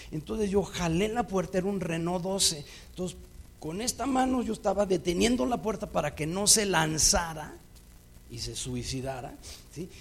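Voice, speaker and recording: A man with a Mexican accent preaching a sermon, telling a personal story in a lively way and acting out the dialogue. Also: a little high, creaky, husky. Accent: Mexican Spanish.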